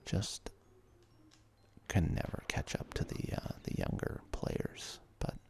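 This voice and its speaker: Deep and creaky, with a faint hiss or hum, this man's voice belongs to an ASMR let's play host in his thirties. He whispers hesitant, rambling, self-deprecating commentary on a video game from his apartment.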